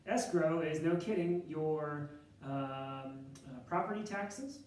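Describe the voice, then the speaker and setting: Heard from a distance in a strongly reverberant classroom, a male math teacher speaks loudly in a slightly high voice. His delivery is casual and conversational, full of ums, mid-sentence corrections, and thinking aloud. Faint room noise sits underneath.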